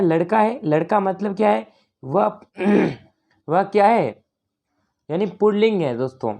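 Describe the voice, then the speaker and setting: A woman tutor who works through an exam paper in a chatty way, keeps turning to her viewers and reads the English lines out slowly. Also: mid-range voice, mellow. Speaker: online tutor.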